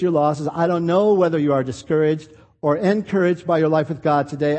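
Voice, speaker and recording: A man's voice: on the high side, warm tone. A male preacher giving an impassioned, confessional sermon with a repetitive, building rhythm. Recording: long hall reverb.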